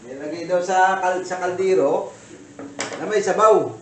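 A Filipino cooking vlogger rambles casually through a cooking story, packed with fillers and asides, at a measured pace. His slightly high, fairly bright voice is picked up from some distance off the mic, in a roomy, echoey kitchen with clicks, clatter, and a little hiss or hum in the background.

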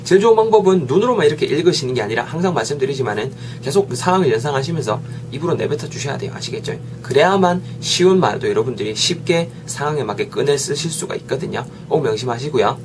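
Guy teaching english, super animated pitch, keeps repeating phrases for you. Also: quick pace, few pauses, noisy background. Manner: lively, coaxing, drills phrases repeatedly. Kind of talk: video language lesson.

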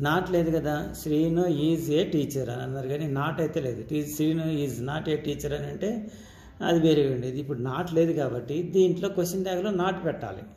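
Telugu guy teaching grammar, kinda gravelly and dark, echoey room, walks thru it step by step. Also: a little high, brisk, slight background noise. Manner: step-by-step explaining, checks in with students. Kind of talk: classroom-style grammar lesson.

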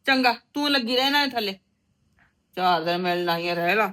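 A middle-aged woman playing a meddling, outspoken mother visiting her married daughter, talking in a stubborn, sharp-tongued way. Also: medium pitch, lively intonation, fairly quick. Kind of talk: rural village drama acting.

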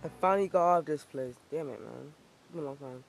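A man giving excitable, self-mocking commentary while playing a video game, swearing at it when things go wrong. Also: a little high, fast, creaky. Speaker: gaming YouTuber. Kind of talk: let's-play commentary.

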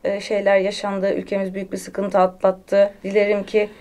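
A woman in her thirties, raised in Turkey after a childhood move from Bulgaria, chatting as a guest on a talk show, giggly and animated. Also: medium pitch, moderate pace. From Bulgaria, raised in Aydın. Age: 30s. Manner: giggly, animated, jumps into playful voices. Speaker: actress guest. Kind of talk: casual talk show chat.

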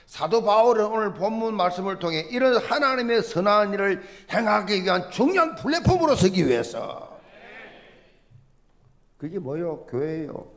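Middle-aged guy pastor w/ busan accent, highish voice, preaching, punchy and jokey. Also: animated, normal speed. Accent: Busan Gyeongsang dialect. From Busan, South Korea. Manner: emphatic, swinging from loud stresses to soft asides; humorous, folksy. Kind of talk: sermon.

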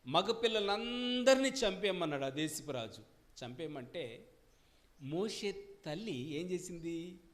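A man preaching a sermon as pastor to his congregation, swinging between loud emphatic questions and quieter asides. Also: high voice, animated, slow pace. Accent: Telugu. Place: church service.

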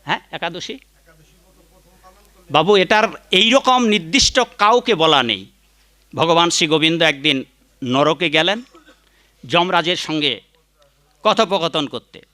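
A man's voice: fairly high pitch, animated, measured pace, long pauses, pushed and bright. A man giving a devotional sermon, chanting the mantra between points and scolding critics. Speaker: preacher.

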